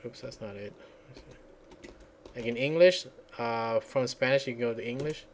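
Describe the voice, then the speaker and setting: A man's voice: mid-range voice, moderate pace, slight background noise. A man hosting a casual screencast tutorial, rambling and thinking aloud as he searches for words. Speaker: software tutorial host. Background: computer keyboard typing.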